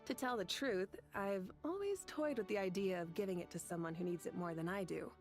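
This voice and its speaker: A woman's voice: medium pitch, fairly quick, soft background music, close to an everyday voice. A woman voicing a confident, generous, easygoing warrior goddess of fire in a video game, casual and friendly. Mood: generous, reassuring. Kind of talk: video game story dialogue.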